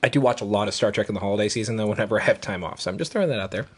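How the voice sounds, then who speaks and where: A man co-hosting a podcast who jokes around and teases the others with deadpan stories. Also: fairly low pitch, racing, slightly rough. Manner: joking, deadpan teasing. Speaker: podcast co-host. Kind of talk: casual joking chat.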